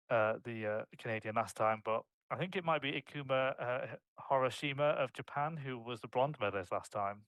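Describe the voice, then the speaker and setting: British male co-host, casual and filler-heavy, mid pitch, dry close mic. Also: a bit bright, clear, resonant tone, no echo, poor audio. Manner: chatty, self-mocking, many fillers. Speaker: podcast co-host. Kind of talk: casual sports podcast chat.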